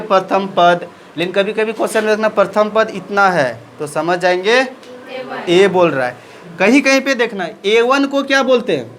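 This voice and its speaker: A man's voice: sits high, slight background noise, poor audio. A man teaching a maths lesson in speech, asking questions and answering them himself.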